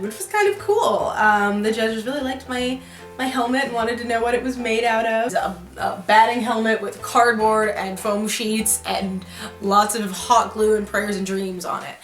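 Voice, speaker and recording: A woman's voice: fairly high pitch, a bit bright. A young woman vlogging from her apartment in a casual, rambling chat, full of fillers and restarts. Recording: roomy echo.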